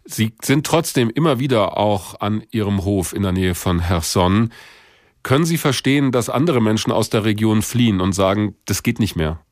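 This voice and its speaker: Calm low-voiced radio interviewer. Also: male voice, normal speed, dry recording, clean studio sound.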